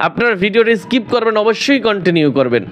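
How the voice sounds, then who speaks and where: একজন পুরুষ কুরআন শিক্ষক, ধৈর্য নিয়ে আরবি হরফের উচ্চারণ একটা একটা করে টেনে টেনে অনুশীলন করাচ্ছেন।. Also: male voice, sits high, sing-song, fairly bright tone. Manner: slow, drawn-out drilling of letter sounds, patient and corrective. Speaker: Quran teacher. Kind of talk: recorded recitation lesson.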